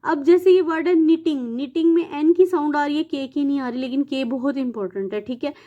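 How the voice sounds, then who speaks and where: A woman from Pakistan with a Pakistani accent, working through a textbook exercise as a teacher. She explains English words in Urdu and often pauses with fillers. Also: sits high, mellow, dull audio. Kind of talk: exercise walkthrough lesson.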